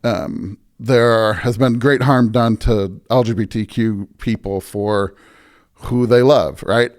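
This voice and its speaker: Slow and lowish with fairly even intonation, this American man's voice carries a pastor's role in a podcast interview. He lays out his beliefs in a conversational, earnest, emphatic way, frequently tossing in "right?" and "you know".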